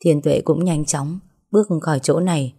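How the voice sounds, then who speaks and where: Low-voiced woman narrating a story. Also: fairly even intonation, moderate pace, mellow, husky.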